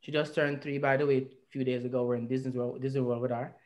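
Speaking over a webcam on a video call from his home, a man with a Jamaican accent shares his story at length as a guest in an interview. The medium-pitched voice is level and quick, with the highs cut off, and he stays earnest and reflective while his emphasis rises.

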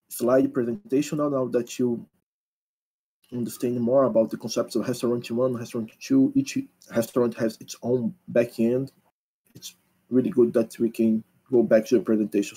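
A man in his thirties presenting a technical demo over a video call, talking haltingly and asking others to switch slides and screens. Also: mid-range voice, warm tone, husky, rough recording. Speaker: presenter at an online developer meetup. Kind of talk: live technical demo talk.

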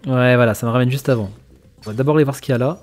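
A man giving casual let's play commentary in French, reacting excitably and swearing now and then. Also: medium pitch, very fast. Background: faint video game music.

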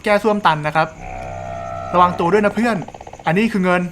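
A man's voice: sits high, brisk, background noise. A man giving casual let's play commentary, chatting and joking while reading game dialogue aloud. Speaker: gamer.

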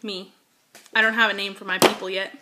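A woman's voice: medium pitch, flat delivery, fairly quick, very noisy. A young woman talking casually as co-host of a home vlog, seated a little back from the camera mic in a kitchen. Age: young adult. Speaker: vlogger co-hosting a challenge video. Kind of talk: casual chat. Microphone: device camera mic, seated slightly back.

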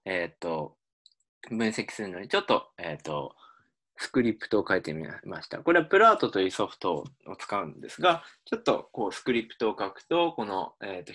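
A man's voice: medium pitch, a bit bright. A man, a university linguistics lecturer, explaining in a recorded lecture with frequent um fillers.

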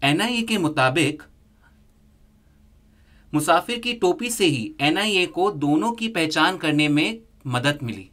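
A man reading a scripted news report as a voice-over, in a steady, measured way. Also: on the high side.

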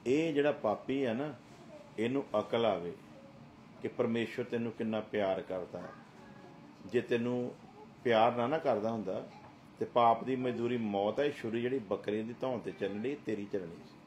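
A middle-aged male pastor delivers an emphatic sermon, pressing his points with rhetorical questions. His voice sits at an ordinary middle pitch. A faint background noise runs under the recording. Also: moderate pace, darkish tone.

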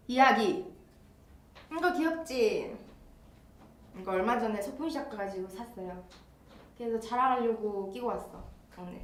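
A woman's voice: medium pitch, a little hiss or hum. A young woman chatting casually with fans on a live birthday stream, bubbly and chatty. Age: young adult. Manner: bubbly, chatty, acts out quoted voices. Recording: roomy echo.

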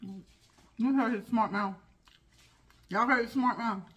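A woman's voice: fairly high pitch, unhurried, a bit bright, highs cut off. A middle-aged woman mukbang host chatting casually to camera in a home kitchen while eating crunchy fried chicken, with chewing and murmured mms between phrases. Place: home kitchen with family moving around behind.

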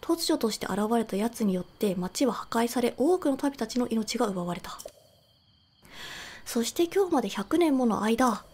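A woman reading a mysterious, sage-like old man's lines in slow, archaic elder speech while streaming a game. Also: a little high, darkish tone, husky, pitched below the performer's own voice. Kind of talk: reading a game character's lines during a live commentary stream.

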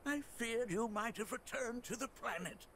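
An actor playing a kindly elderly male sage who speaks slowly and tenderly, with a crackly voice. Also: very high voice, bright, forceful tone, exaggerated voice. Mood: relieved. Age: older. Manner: slow, doting.

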